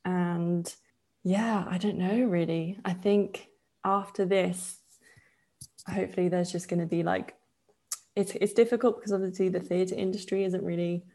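Gravelly low-voiced woman in her twenties. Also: moderate pace. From Poland. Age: 20s. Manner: relaxed, chatty, laughs often, many fillers. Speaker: podcast guest, yoga teacher. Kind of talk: casual interview chat.

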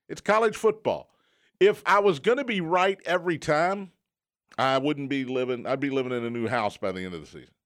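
A man's voice: medium pitch, fairly quick, a bit bright. A man hosting sports talk radio from a studio, reading promos and chatting in an emphatic announcer style with joking asides. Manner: joking, self-deprecating. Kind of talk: sports talk radio with live sponsor reads.

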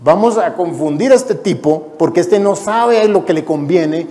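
God as a calm amused fatherly voice, done by a man preaching, dark mellow tone, long hall reverb. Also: high voice, moderate pace, slight background noise. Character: God, a calm, amused, all-knowing male voice.

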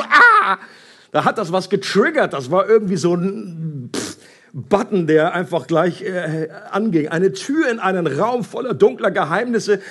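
Man, husky voice, fairly high pitch, Bible reading, chatty sermon asides. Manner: conversational, animated asides with hesitations.

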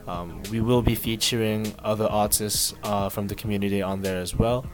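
A man hosting a podcast, giving a relaxed, slightly hesitant sponsor read. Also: fairly low pitch, normal speed, faint music behind. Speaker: podcast host reading a sponsor spot. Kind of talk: casual ad read.

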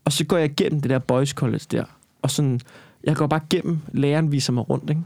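A young man talks through a long anecdote in a loose, rambling way, restarting sentences and swearing casually. His voice sits slightly higher than most men's. The sound is dry and close, with no room echo. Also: creaky, darkish tone. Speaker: guest telling a story. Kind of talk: casual storytelling chat.

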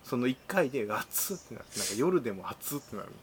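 A man's voice: mid-range voice, very animated, fast. Informal man chatting over background chatter. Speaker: reading group participant. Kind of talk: casual chat.

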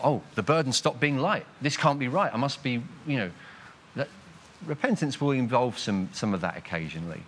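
A man hosting a reflective church panel discussion, earnest and animated, sometimes acting out imagined thoughts. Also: mid-range voice, slight background noise.

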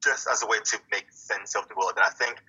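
A man from Italy, a poet guest on an interview, speaks in a very bright, husky voice. He talks in a reflective, halting way, with many restarts. The sound is dull and lo-fi, as if it came over a call. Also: lowish voice, steady tone. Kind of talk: casual interview talk.

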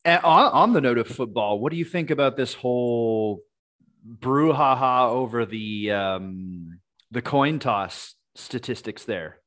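A man co-hosting a podcast in casual chat, reading listener emails in a dry, deadpan way and tripping over words. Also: medium pitch, unhurried.

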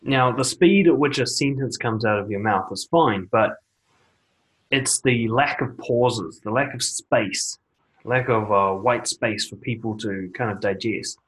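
A man coaching viewers on confident speaking in a measured, deliberate advice monologue, often pausing on a quiet "okay" and repeating words for emphasis. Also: medium pitch, low-quality recording. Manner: measured, deliberate delivery with frequent "okay" asides. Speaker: YouTube dating and confidence coach. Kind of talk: direct-to-camera advice monologue. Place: seated indoors recording a video.

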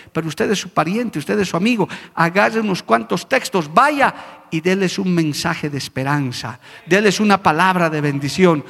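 A man's voice: sits high, creaky, fairly bright tone, big-room sound. A man preaching as pastor, earnestly addressing the congregation as brothers. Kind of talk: sermon.

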